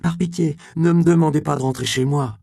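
A man's voice: fairly high pitch, fairly even intonation, moderate pace, gravelly, mellow, no room sound, clean studio sound, voice pushed up. A man voicing an eager, anxious young male apprentice in an audiobook, speaking earnestly and pleadingly in a raised voice.

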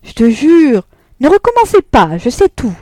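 A woman's voice: high voice, wildly swooping pitch, normal speed, mellow, no room sound, voice pushed up. A woman voicing a wronged wife who presses her husband impatiently and coldly, in a read-aloud novel. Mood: icy. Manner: impatient, cold, pointed.

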